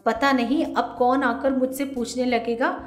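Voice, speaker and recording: A woman voicing a greedy, hot-tempered young daughter-in-law in a cartoon story, whiny when upset and sharp when angry. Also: fairly even intonation. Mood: tearful. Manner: shrill, quick to anger, whiny when upset. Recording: roomy echo, faint music.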